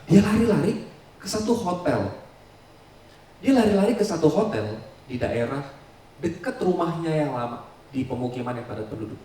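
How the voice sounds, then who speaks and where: Pastor guy telling a dramatic sermon story, kinda high voice, super echoey church hall. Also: expressive, normal speed, pauses often, recorded from a distance, a little hiss or hum. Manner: dramatic storytelling, swings loud and soft.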